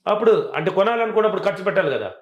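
Fast-talking, emphatic man in an echoey room. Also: high-pitched, lively intonation, lo-fi sound. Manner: emphatic, repetitive, self-assured. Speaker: self-help affirmation teacher. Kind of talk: interview answers, motivational.

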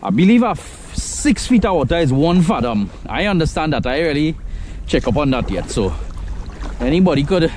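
Speaking a little high in a sing-song, slightly mellow way, the Trinidadian man keeps a normal pace as he vlogs from his kayak on open water. He's casual and chatty, using loose Caribbean patois, and a little background noise comes through.

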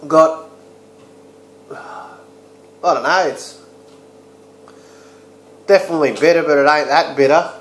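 A man's voice: fairly high pitch, takes it slowly, pauses often, a little hiss or hum. Aussie bloke reviewing beer on his webcam, rambly and swears a bit, roomy echo. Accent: Australian. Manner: laid-back, rambling, crude slang. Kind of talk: casual beer review vlog. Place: small room indoors. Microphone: webcam or laptop mic close up. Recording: echoey room.

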